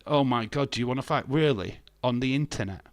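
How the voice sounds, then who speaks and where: This streamer, a man in his fifties, talks at a brisk medium pitch as he reads chat comments out loud and responds with blunt sarcasm and frequent cursing. No room sound is audible.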